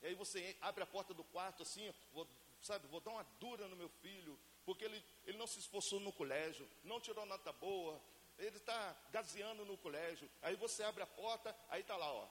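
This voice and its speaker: A man from Brazil preaching a lively sermon to a congregation and asking them to answer him. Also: high-pitched, fairly quick. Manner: acts out family scenes in everyday voices. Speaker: pastor. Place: church hall. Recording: reverberant church hall, faint hiss.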